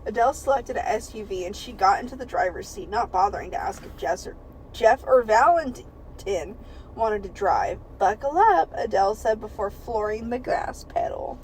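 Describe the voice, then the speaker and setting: A woman's voice: mid-range voice, normal speed, a little mellow, a little hiss or hum, rough recording. A woman co-hosting a podcast, reading a book aloud for laughs, giggling often and swearing freely. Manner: giggly and profane, breaks into laughter while reading. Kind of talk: comedic read-aloud with banter.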